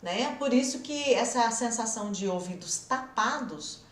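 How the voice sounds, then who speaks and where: A woman's voice: fairly high pitch, a little slow. A woman with a Brazilian Portuguese accent teaching a live English lesson, explaining with demonstrations and talking straight to her viewers. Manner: animated, demonstrative explaining, addresses viewers directly. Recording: roomy echo.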